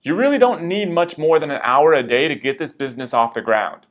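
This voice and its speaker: Male sales pitch voice-over. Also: expressive, a little fast. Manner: urgent persuasive sales delivery. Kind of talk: scripted promotional voice-over.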